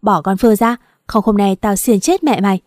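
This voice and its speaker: A woman's voice: medium pitch, brisk, darkish tone, dry recording, studio quality, lightly acted. A woman voicing a brutish young man who swears and threatens, in a coarse, menacing way.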